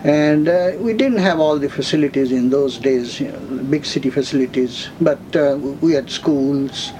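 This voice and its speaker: Older man from India, slow halting telling. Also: on the high side, warm tone, a little hiss or hum, rough recording. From India, West Bengal. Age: 70s. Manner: slow, halting storytelling with many fillers. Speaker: interviewee. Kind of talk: oral history interview.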